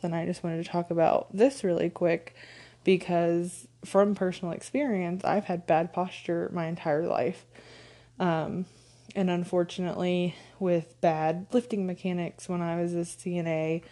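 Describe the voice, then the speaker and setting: A woman's voice: on the low side, warm tone. Stuffy-nosed woman hosting a podcast. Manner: conversational, frequent ums, light laughs. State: stuffed-up nose. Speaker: podcast host, confidence coach. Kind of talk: casual solo podcast talk.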